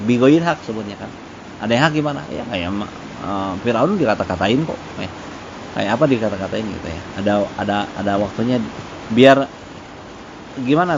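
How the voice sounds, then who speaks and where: A man teaching a religious study lesson in a relaxed, conversational way, mixing in Arabic recitation. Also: mid-range voice. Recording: dull lo-fi with faint noise.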